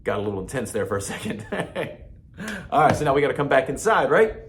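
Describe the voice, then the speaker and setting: A playful man leads a children's music lesson, his voice swinging widely between high and low. He laughs often and shows sounds by example, with a faint ambient hiss behind him. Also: very animated, fast talker. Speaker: music teacher.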